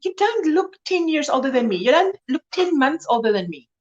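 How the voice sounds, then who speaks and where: A woman in her early fifties hosts a live crochet chat, chatting casually with viewers and answering their comments as they arrive. Her voice sits a little high and swoops in very lively pitch. She laughs easily between remarks. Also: fairly quick, lo-fi sound. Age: 50s.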